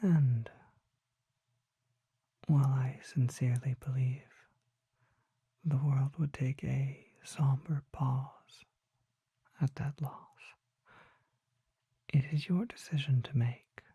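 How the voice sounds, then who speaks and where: An ASMR performer acts as a mysterious vampire apothecary, whispering slowly and deliberately in formal language with a solemn, gentle patience. The husky medium-pitched voice stays fairly even in intonation but is exaggerated, and the sound is very soft, dark, close, dry and breathy, without any echo.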